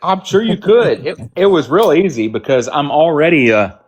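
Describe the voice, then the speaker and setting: A man's voice: a little high, expressive, moderate pace, breathy edge. A man from Texas with a mild Texan accent, hosting a casual group chat and telling rambling stories. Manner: rambling, storytelling with restarts.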